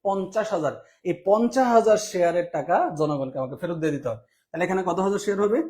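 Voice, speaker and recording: A man from Bangladesh, teaching an accounting lesson quickly and quizzing students questions he answers himself. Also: sits high, expressive, darkish tone. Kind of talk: fast exam-prep lecture.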